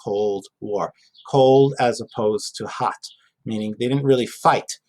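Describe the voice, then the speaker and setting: A man with a somewhat low, slightly mellow voice speaks at a measured pace as a GED reading teacher. His informal lesson explains history and includes reading a passage aloud. He stays conversational, poses questions and answers them himself, repeats key phrases for emphasis, and drops in casual asides.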